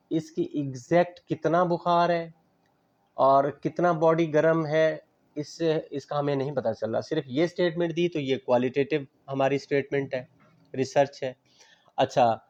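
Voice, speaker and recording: A man's voice: fairly high pitch, darkish tone, lo-fi sound. A man giving a classroom lecture on physical education, explaining patiently with everyday examples, mixing in English terms and checking that students understand.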